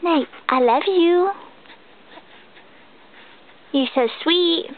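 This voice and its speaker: A woman as a mother, talking to her baby in doting, coaxing baby talk. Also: very high voice. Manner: sing-song, doting, slow and coaxing. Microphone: phone camera. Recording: tinny phone-like sound with faint noise.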